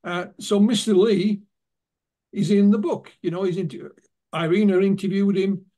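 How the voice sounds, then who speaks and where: A man's voice: high-pitched, fairly even intonation, moderate pace, dark tone. A man being interviewed as an author, telling anecdotes and retelling what witnesses told him. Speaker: author and guest. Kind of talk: interview storytelling.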